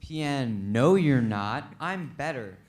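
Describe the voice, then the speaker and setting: A man's voice: mid-range voice, lively intonation, takes it slowly, darkish tone. A young man playing a boastful talking piano hat in a student stage skit, with a drawling greeting. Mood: scornful.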